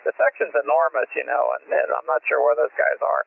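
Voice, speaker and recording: A man with a very gravelly voice talks on a ham radio net, hesitant and rambling. His pitch moves a lot. The sound is thin and phone-like, with faint hiss. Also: wildly swooping pitch, fairly quick. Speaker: radio operator checking in. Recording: tinny radio transmission with hiss.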